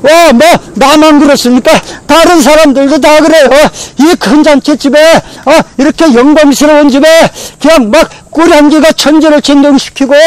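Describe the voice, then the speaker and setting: Very high-voiced man preaching. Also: dry recording, low-quality recording. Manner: animated, repetitive, acting out feelings in first person. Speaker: pastor. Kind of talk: storytelling sermon.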